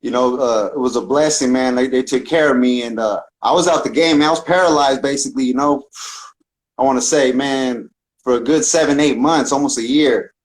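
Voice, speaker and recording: On a podcast, a talkbox musician from the San Francisco Bay Area shares his story in loose street slang, casual yet earnest, with a Northern California accent. He speaks fairly quickly in a mid-range voice, and the audio is poor.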